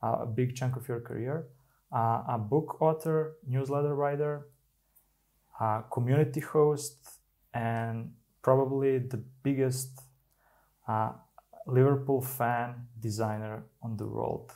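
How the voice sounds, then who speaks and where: Gravelly podcast host, halting speech. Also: male voice, mid-range voice, fairly even intonation, mellow. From Serbia. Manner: halting, many restarts. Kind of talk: casual interview talk.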